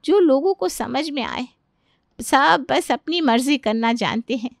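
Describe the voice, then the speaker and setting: A woman's voice: high-pitched, expressive, unhurried, vocal fry, dry recording, clean studio sound, full character voice. A woman voicing an exasperated middle-aged mother-in-law in a cartoon, complaining and scolding her family. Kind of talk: cartoon voice acting.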